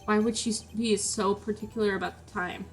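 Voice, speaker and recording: A woman playing a story game reads its lines in a casual voice. She hesitates and stumbles often, at a middling pitch. Faint game music plays behind her. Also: fairly even intonation, a little fast. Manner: hesitant, with stammers and fillers. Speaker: game player reading all the parts. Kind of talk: casual let's-play voice reading.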